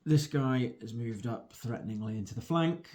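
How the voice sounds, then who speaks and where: A man's voice: mid-range voice, moderate pace, a little mellow. A man recapping his army's turns in a tabletop battle report, matter-of-fact and a little wry.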